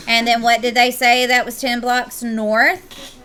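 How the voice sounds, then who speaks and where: A woman's voice: a little high, little pitch movement, a little slow, bright, forceful tone. A woman teacher, leading a classroom math lesson and playfully teasing her students.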